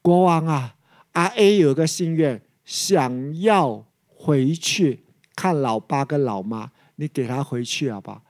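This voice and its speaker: A preacher voicing a loyal male friend in a sermon story, speaking quietly and steadily. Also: mid-range voice, expressive, unhurried, no room sound, clean studio sound, pitched below the performer's own voice. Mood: pleading.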